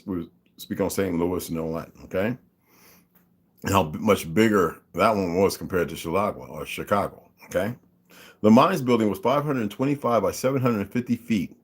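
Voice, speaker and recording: He speaks in a low, slightly rough voice as the host of his own channel. Talking casually through his views, he adds emphatic, mocking asides, reads out figures, and asks his listeners to track them with him.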